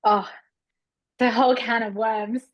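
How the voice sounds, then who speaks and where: A woman's voice: a little high, steady tone, unhurried, muffled recording. A woman, a researcher, talking in a workshop, musing and hesitant, with fillers and restarts. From Australia. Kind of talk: conversational workshop talk.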